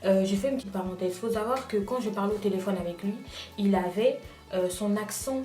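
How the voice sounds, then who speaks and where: A young woman vlogger telling a personal story in casual chat, talking straight to her viewers in an animated way. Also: mid-range voice, fairly quick, echoey room, far from the mic, faint music behind. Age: young adult. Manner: animated, addresses viewers directly.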